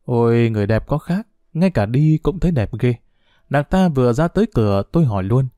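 A man's voice: medium pitch, animated, brisk, mellow, no room sound, clean studio sound. A man narrating a first-person story in a wry, self-mocking way.

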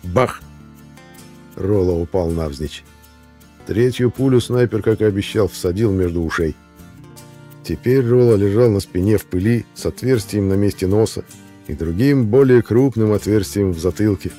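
A man reading the narration of an audiobook in a measured, steady way. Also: on the low side, faint music behind. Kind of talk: scripted narration.

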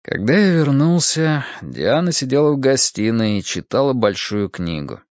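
Male audiobook narrator, measured unhurried reading, dry close sound, slightly dull tone. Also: mid-range voice, sing-song, darkish tone, dry recording.

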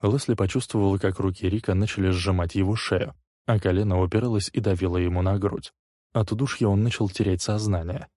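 A man reading a crime thriller aloud in steady, even scripted narration. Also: sits low, fairly quick, dry recording, clean studio sound.

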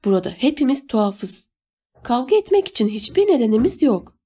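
A woman's voice: a little high, sing-song, brisk, dark tone, husky, pitched above the performer's own voice. Woman voicing a placating young man. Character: young man, peacemaking narrator-hero. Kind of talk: audiobook character voice.

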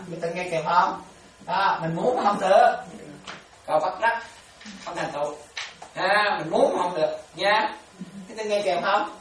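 A woman's voice: lowish voice, a little hiss or hum. A woman giving a Buddhist dharma talk, repeating phrases and often asking whether her listeners follow. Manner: repetitive, keeps checking whether listeners follow. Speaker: Buddhist teacher. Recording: echoey room, distant mic, faint ambience.

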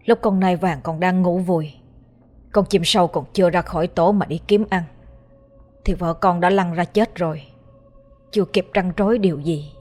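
A woman voicing a hoarse, weary village man mourning his dead wife in an audio ghost story. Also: lowish voice, fairly even intonation, normal speed, pauses often, a little mellow, soft background music, lightly acted. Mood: grieving. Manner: weary, sorrowful. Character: grieving young widowed village man.

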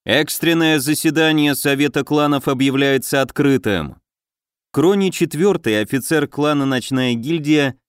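A man's voice: mid-range voice, no room sound, studio quality. Man reading a fantasy audiobook. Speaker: audiobook narrator. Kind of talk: scripted narration of a fantasy novel.

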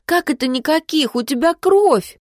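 A frantic young sister calls out in high, loud bursts full of alarm, as a woman narrator puts her on. The recording is dry and close. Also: normal speed, dry recording. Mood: worried. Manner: high-pitched, excited outbursts.

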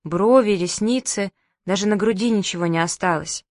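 A woman's voice: medium pitch, moderate pace, darkish tone, no room sound, clean studio sound, lightly acted. A woman voicing a young girl who tells her news solemnly and tearfully, in a storybook reading. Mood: mournful.

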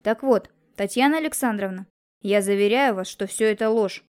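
A woman voicing an outraged middle-aged businessman father with an explosive temper, shouting in slow, heavy bursts for an audiobook. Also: medium pitch, lightly acted. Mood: controlled, earnest. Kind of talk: audiobook character reading.

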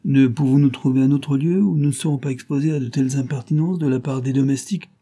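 A man voicing a disguised detective playing a grumpy, haughty gentleman who grumbles curtly. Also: medium pitch, steady tone, quick pace, voice pushed up, close to an everyday voice. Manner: gruff, grumbling, curt.

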